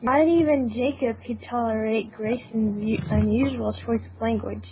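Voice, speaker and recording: An amateur narrator, a woman, reads scripted fan fiction in a slightly high voice at a steady, moderate pace. The recording is tinny, band-limited, and noisy.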